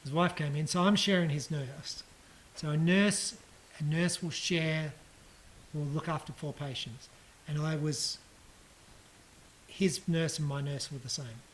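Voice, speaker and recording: A man giving a casual personal account of his hospital stay, halting and reflective, with frequent ums and restarts. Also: fairly high pitch, slight background noise, low-quality recording. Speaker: patient recounting his surgery.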